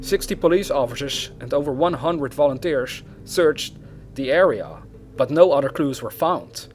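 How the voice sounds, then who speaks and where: A man with a fairly high, expressive, slightly mellow voice hosts a true crime series, reading aloud at normal speed in a storytelling format. Background music plays behind his voice, and there is slight background noise.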